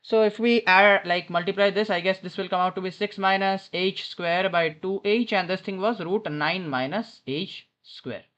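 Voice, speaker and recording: A man's voice: sits high, moderate pace, hardly any pauses, fairly bright tone. Male maths tutor on dull headset audio. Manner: thinking aloud, often self-correcting. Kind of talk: informal maths problem walkthrough. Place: airport lounge. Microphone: headphone mic.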